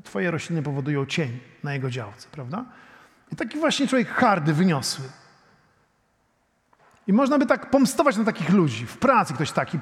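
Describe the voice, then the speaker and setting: A middle-aged man preaching a sermon, shifting between soft, intimate prayer and loud, emphatic preaching, talking straight to the congregation. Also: sits high. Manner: addresses the congregation directly, often saying "you know". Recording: long hall reverb.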